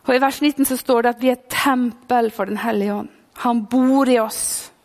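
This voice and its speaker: A woman preacher with a blend in her speech delivers a fervent sermon. Her voice sits slightly high and moves between ringing calls and hushed, whispered passages. Long reverb from the hall trails each phrase. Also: fairly even intonation.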